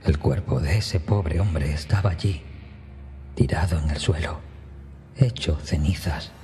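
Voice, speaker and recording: A man with a very low voice narrates a scripted horror tale in the first person. He speaks unhurriedly in a dark, mellow tone that often drops nearly to a hushed whisper, with faint background music underneath.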